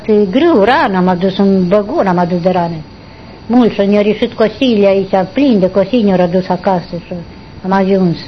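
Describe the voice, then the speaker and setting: An older woman, recalling her past in a rambling, halting way during an interview. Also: mid-range voice, a little hiss or hum. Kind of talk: oral history recollection. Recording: dull lo-fi recording.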